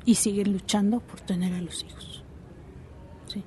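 A woman speaks in a mellow, warm voice, talking through her points patiently and often ending with a quick "¿sí?" or "¿no?". Faint noise sits under the recording. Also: medium pitch, steady tone. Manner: reflective, explanatory, tag questions. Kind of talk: interview answers.

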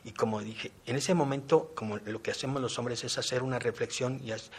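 A man's voice: medium pitch, steady tone, fairly quick, breathy edge. A middle-aged man, reflecting on his time in a men's non-violence program and explaining his points with everyday examples. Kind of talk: personal testimony.

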